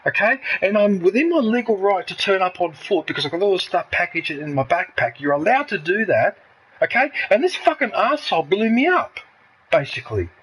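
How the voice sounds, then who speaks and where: A man's voice: sits high, sing-song, brisk, a bit bright, slight background noise, poor audio. A man in his fifties from Australia, ranting angrily and swearing heavily in a casual chat. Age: 50s. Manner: heated, swearing, repetitive ranting. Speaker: streamer.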